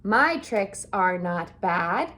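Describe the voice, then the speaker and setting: A woman voicing a playful, show-off male cat in a storybook read-aloud, in a slow, sing-song rhyming delivery. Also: medium pitch, very animated, pushed and bright, pitched below the performer's own voice, full character voice. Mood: boastful. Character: playful male cat in a hat, showing off tricks.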